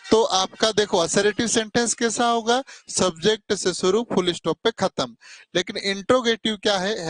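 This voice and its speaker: A man's voice: high-pitched, a bit bright, no echo. A male teacher giving a classroom grammar lesson, keeping his students engaged with frequent short tag questions and calling them "beta" affectionately. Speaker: English teacher.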